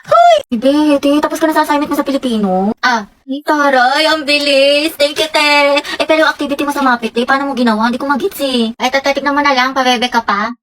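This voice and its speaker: A young woman acting out a comedic skit as several schoolgirls, quick and teasing, with sudden exclaiming yelps. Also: sits high, fairly bright tone, a little hiss or hum.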